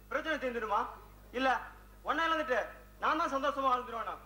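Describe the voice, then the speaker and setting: A man playing an affectionate young lover who comforts and teases his sweetheart on a village stage. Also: extremely high pitch. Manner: tender, teasing, reassuring. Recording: echoey open-air stage with loud music.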